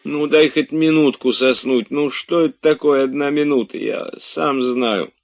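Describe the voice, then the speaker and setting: A man's voice: very animated, slow, exaggerated voice. Man voicing a peevish, drowsy nobleman. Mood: pleading. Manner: drowsy, peevish, then indignant and shrill. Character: sleepy, irritable nobleman of leisure.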